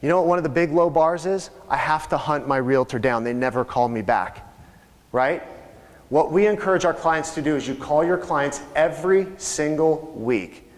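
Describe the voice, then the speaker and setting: Man, sales trainer, live seminar, chatty, asks the crowd questions, slightly high voice, reverberant hall. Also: normal speed. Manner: conversational, asks the audience questions. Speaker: real estate sales trainer. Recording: live room recording with long reverb.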